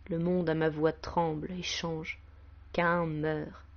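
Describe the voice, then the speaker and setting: A woman's voice: low voice, flat delivery, slow pace, vocal fry, dull audio, exaggerated voice. A woman reading a poem aloud in a solemn, declamatory way, giving voice to Man personified as a proud, boastful male spirit. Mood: proud, exalted. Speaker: poetry reader. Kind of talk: poetry recitation.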